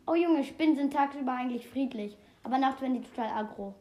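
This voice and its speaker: A woman giving casual, excitable gaming commentary, rambling through fun facts with many restarts. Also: high voice, fast. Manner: excitable, keeps exclaiming "Junge". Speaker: let's play host.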